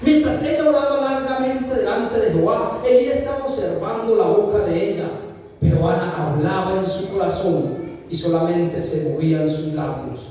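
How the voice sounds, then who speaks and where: A man from Colombia preaching a sermon, with a very high voice and a mellow, dark tone. He speaks to the congregation directly, pausing on fillers and repeating phrases. The sound is roomy, with long reverb from a distant mic in a church hall. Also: slight background noise.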